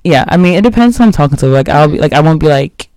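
A woman's voice: deep voice, lively intonation, quick pace, mellow, no echo. A woman in her twenties co-hosting a podcast, talking frankly in casual chat and leaning on "like" a lot. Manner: chatty, frank, heavy on "like". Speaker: podcast co-host.

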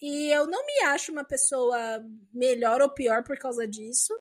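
A young adult woman, co-hosting a casual chat podcast and talking in a lively, animated way. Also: high voice, normal speed. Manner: lively, acts out quoted dialogue in exaggerated voices. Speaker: podcast co-host.

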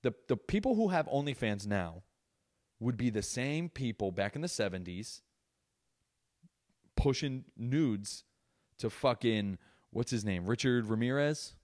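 A young man hosting a comedy podcast, ranting in a loose, profane way with loud bursts of mock outrage. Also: mid-range voice, lively intonation, unhurried, pauses often. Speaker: podcast host. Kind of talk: casual comedic rant.

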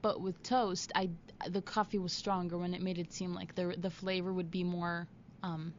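A woman's voice: lowish voice, little pitch movement, moderate pace, highs cut off, a little hiss or hum. Hesitant young woman podcast co-host. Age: young adult. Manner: hesitant, rambling, with many ums. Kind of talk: casual chat. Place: radio studio. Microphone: studio mic.

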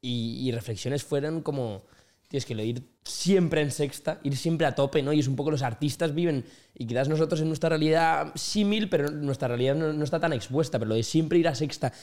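A man's voice: fairly high pitch, brisk, darkish tone. A man hosting a podcast, talking in a casual, reflective way. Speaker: podcast host.

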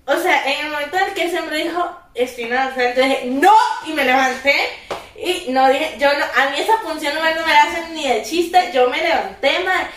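A Costa Rican woman in her twenties telling a story in casual chat, animated and slangy, acting out her own shouts. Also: high-pitched, normal speed, roomy sound, far from the mic. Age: 20s.

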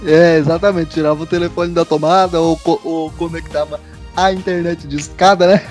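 A man's voice: a little high, steady tone, moderate pace, darkish tone, soft background music. A Brazilian man in casual, conversational football chat as a show host.

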